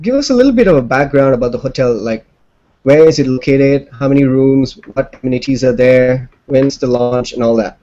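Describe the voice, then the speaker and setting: A man hosting an interview podcast, lively and playful, often repeating words as he asks questions. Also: mid-range voice, brisk. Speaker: podcast host interviewing a guest. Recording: slightly dull audio with faint background music. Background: faint music.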